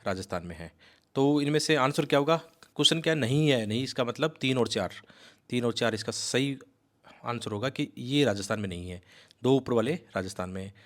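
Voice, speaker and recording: A man giving a rapid, emphatic exam-prep lecture, coaxing his students and mixing in English words. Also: medium pitch, a bit bright. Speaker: civil service exam coaching teacher. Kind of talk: fast explanatory lecture.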